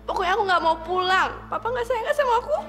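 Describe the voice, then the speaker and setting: A woman's voice: very high-pitched, expressive, fast talker, a bit bright. An actress playing a spoiled young woman who sulks and refuses to come home. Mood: sulky. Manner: petulant, sulky. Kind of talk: TV drama acting. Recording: faint music underneath.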